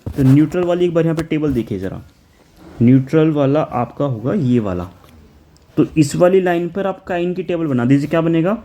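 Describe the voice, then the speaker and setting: A man works through a German exam paper, reading out each question and explaining the answer step by step. He chants the article forms aloud in a steady classroom rhythm. His voice sits a little high but sounds dark and mellow. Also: moderate pace. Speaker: German language teacher.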